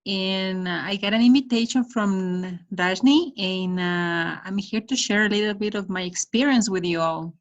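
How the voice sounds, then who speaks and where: A middle-aged Ecuadorian woman speaks as a guest on a video call from a room in her home, using her laptop webcam, so the recording sounds muffled. A development project manager, she describes her work steadily at a moderate pace with few pauses, her medium-pitched voice dotted with hesitant fillers.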